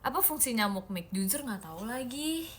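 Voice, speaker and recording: A woman's voice: fairly high pitch, lively intonation, a little fast, a little hiss or hum. A young woman hosting a casual livestream. She reads out viewer comments and answers in a playful, giggly way with lots of fillers. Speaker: idol livestream host.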